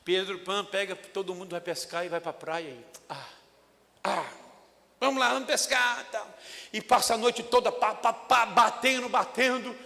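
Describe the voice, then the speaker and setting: A male pastor, preaching a sermon in an animated storytelling way that swings between loud and hushed. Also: high-pitched, moderate pace, creaky. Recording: echoey church hall.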